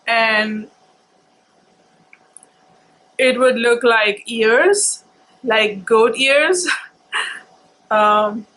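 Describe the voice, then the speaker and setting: A woman vlogger telling personal stories casually, in a halting, reflective, unhurried way. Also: fairly high pitch, fairly bright tone, low-quality recording.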